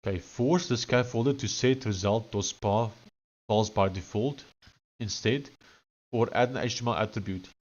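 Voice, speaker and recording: A man's voice: on the low side, moderate pace, dull audio. A man with a thick Afrikaans South African accent, chatting casually on a coding live stream and dictating instructions.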